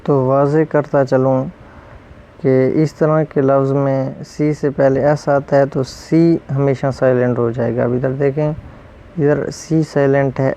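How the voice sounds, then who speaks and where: A man teaching English pronunciation, repeating each rule and word slowly and then giving its meaning. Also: medium pitch, gravelly, warm tone, rough recording. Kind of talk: explaining pronunciation rules.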